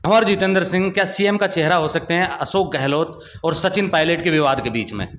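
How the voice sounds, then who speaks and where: A man's voice: on the high side, brisk, a bit bright. A male journalist interviewing a politician, asking pointed, confrontational questions.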